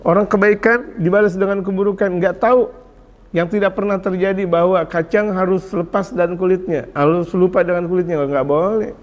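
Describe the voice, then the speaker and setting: Lively high-voiced preacher. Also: male voice, moderate pace, highs cut off. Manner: lively, jokes and acts out scolding parents. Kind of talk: sermon.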